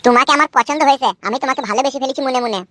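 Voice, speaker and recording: A woman's voice: high voice, racing, pushed and bright. A woman voicing a pushy, lovesick village man in a comedy cartoon, wheedling and crude.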